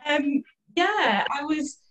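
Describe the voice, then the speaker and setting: Speaking from a small room at home over a video call, a middle-aged holistic therapist from North Wales, born in Liverpool, casually recounts her life story as an interview guest. Her voice is high and fairly bright, and the computer mic gives a lo-fi sound with a little hiss or hum.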